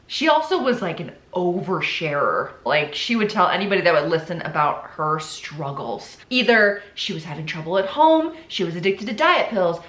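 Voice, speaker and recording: A woman's voice: mid-range voice, fairly bright tone. A young woman hosting her channel, telling a true crime story in a chatty, sarcastic way with lots of "like". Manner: chatty and sarcastic, many "like" fillers. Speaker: channel host. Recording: roomy echo.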